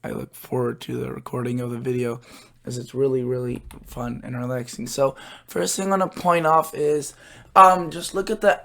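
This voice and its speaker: Explaining forecast charts on his weather channel, this host sounds a bit hoarse, halting and casual, leaning on lots of fillers. His mid-range voice is a bit bright with fairly even intonation.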